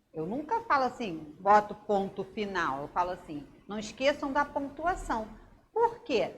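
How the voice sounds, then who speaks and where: Lively, sing-song woman teacher. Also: a little high, slight background noise. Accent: Brazilian Portuguese. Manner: expressive and sing-song, reading examples aloud with dramatic intonation. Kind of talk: recorded online class for young children.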